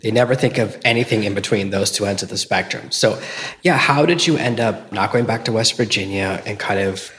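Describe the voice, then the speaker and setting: A man's voice: fairly low pitch, fairly quick, fairly bright tone, long reverb tail. A man hosting a podcast interview, enthusiastic and effusive in his welcome. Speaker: podcast host.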